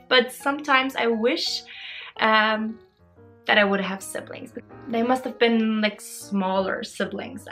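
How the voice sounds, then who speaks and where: A woman's voice: fairly high pitch, sharp tone. A woman in her twenties answering fan questions in a casual, bubbly and giggly vlog chat. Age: 20s. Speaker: social media creator.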